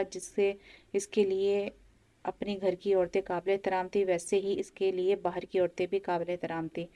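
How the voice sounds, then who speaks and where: Mellow, flat-voiced woman narrating. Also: medium pitch. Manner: steady, measured reading. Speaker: audio novel narrator. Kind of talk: audio novel narration.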